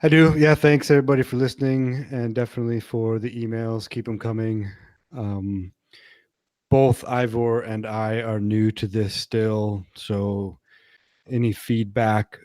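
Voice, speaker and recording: Lower-voiced joking podcast co-host man. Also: no echo. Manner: relaxed, joking, quick to laugh. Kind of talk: casual podcast chat.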